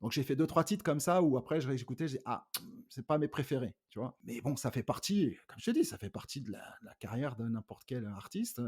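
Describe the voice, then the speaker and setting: A middle-aged man, a rap artist, telling stories in a casual interview, animated and acting out the people he quotes. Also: mid-range voice, a little fast, husky. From France. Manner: animated, acts out quoted dialogue, frequent fillers.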